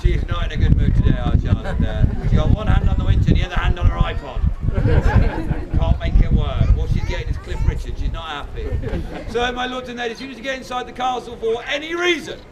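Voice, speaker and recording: A man's voice: high-pitched, fast talker, recorded from a distance, highs cut off. An Englishman presenting a live comic castle show outdoors, projecting theatrically without a microphone. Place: outdoors at a castle before a crowd. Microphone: no microphone, recorded from the audience. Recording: loud crowd and outdoor noise.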